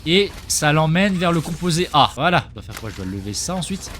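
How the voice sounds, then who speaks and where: A man's voice: a little high, fairly quick, a little hiss or hum. A man hosting a let's play video, reacting to a horror game with yelps, swearing and running commentary. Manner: excitable, swearing, yelping reactions. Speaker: gaming video host. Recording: gameplay audio with loud music behind.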